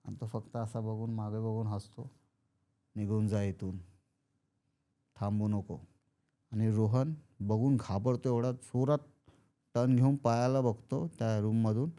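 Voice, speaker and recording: A man's voice: on the low side, fairly even intonation, unhurried, long pauses, dark tone. A man telling a horror story casually, acting out the characters' lines. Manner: acts out characters' lines in quoted speech. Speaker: podcast guest storyteller.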